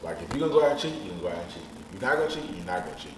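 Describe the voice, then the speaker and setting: Deep-voiced and sing-song, a podcast guest in his thirties talks rapid-fire in frank, casual chat, cursing freely. The recording picks him up from a distance, off-mic in an echoey room with faint noise.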